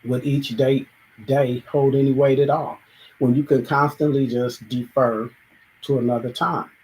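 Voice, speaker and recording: A man hosting a solo show reflects thoughtfully, enacting everyday dialogues and occasionally beginning again. His mid-range voice is darkish and level in tone, a little slow, and recorded with poor audio.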